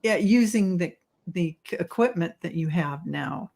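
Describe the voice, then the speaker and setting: A woman's voice: lowish voice, animated, a little slow, gravelly, a little mellow. A woman hosting a casual livestream chat, enthusiastic, often agreeing and reading viewer comments aloud. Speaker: host.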